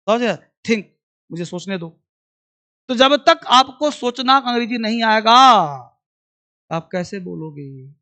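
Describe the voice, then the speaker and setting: A man's voice: sits high, pushed and bright. A man teaching English to a class, drilling verb forms aloud and answering his own questions. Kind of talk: classroom lesson.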